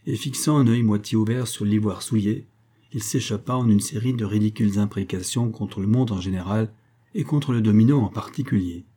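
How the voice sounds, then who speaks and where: Husky low guy reading an audiobook, ironic storytelling. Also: brisk, warm tone. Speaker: audiobook narrator. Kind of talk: scripted narration.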